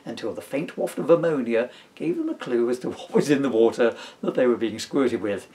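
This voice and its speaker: A middle-aged British man, a father who writes and performs on stage, chats casually and reads his own comic writing aloud, rambling playfully through digressions. His medium-pitched voice is very animated, brisk and dark in tone, picked up on a camera mic.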